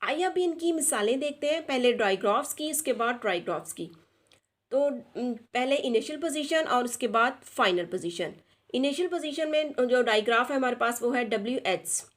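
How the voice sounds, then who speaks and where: High-voiced Pakistani woman teaching children. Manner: reads English slowly, then explains in Urdu; addresses children directly. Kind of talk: reading a schoolbook lesson aloud.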